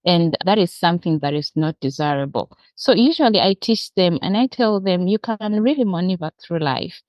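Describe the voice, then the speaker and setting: A Ugandan woman, a social worker appearing as an interview guest, earnestly explains her work in a Ugandan accent. Her fairly low voice has lively intonation and moves at a moderate pace with no echo. The call audio is dull, muffled and lo-fi.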